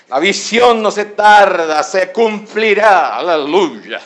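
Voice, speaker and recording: A pastor imitating a pompous prosperity preacher who claims a prophetic anointing, with drawn-out, mock-solemn hallelujahs. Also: male voice, high-pitched, animated, fairly bright tone, voice pushed up, full character voice.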